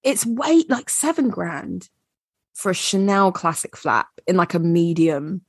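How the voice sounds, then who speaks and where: A woman co-hosting a podcast, chatting casually with drawn-out, opinionated emphasis and a slight frog in her throat. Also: fairly low pitch, sing-song, slightly rough, no room sound, clean studio sound. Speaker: podcast co-host. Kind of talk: casual chat.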